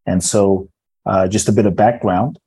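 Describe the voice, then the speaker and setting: A man's voice: low voice, fairly even intonation, moderate pace, mellow, husky, dry recording, rough recording. A man from Ghana who grew up in London, a transformational teacher, speaking earnestly and measuredly as a podcast guest with frequent restarts. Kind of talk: reflective podcast storytelling.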